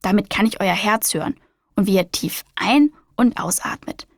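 A woman's voice: medium pitch, expressive, moderate pace, vocal fry, dry recording, studio quality. A woman voicing a kind, patient male children's doctor in a storybook, encouraging and explaining.

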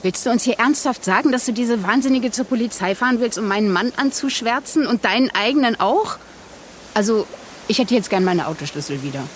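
A woman's voice: on the high side, expressive, fairly quick, a little hiss or hum, natural voice. An actress playing a scornful, sarcastic woman who defends her husband against an accusation. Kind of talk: radio play acting.

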